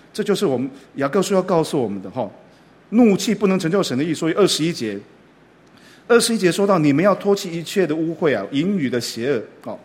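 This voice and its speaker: Man preaching a gentle storytelling sermon. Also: fairly high pitch. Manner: frequent filler particles like "ah" and "ha".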